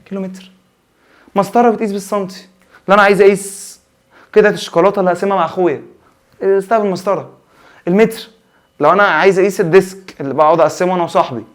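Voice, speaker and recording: A young man teaching a science revision lesson in Egyptian Arabic, animated and teasing, mixing English terms into his speech. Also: on the high side.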